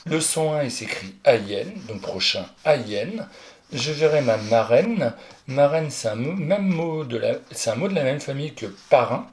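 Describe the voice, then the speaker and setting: A man's voice: mid-range voice, lively intonation, normal speed, a little mellow. A man teaching a young pupil, going through spelling exercises and talking straight to the child, often stopping to correct his own slips. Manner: talks directly to the child, chatty, corrects himself aloud. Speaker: primary school teacher.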